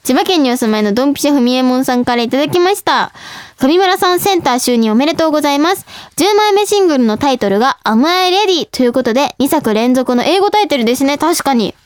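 A woman's voice: high-pitched, lively intonation, fast talker, dry recording, studio quality. A young woman hosting a radio show, reading listener mail and chatting casually, bubbly and often breaking into giggles.

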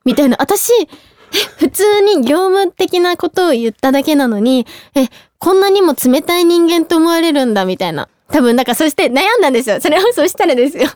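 A young woman hosting a radio show in a studio, talking fast and excitedly in a casual chat. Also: high voice, no echo. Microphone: studio microphone.

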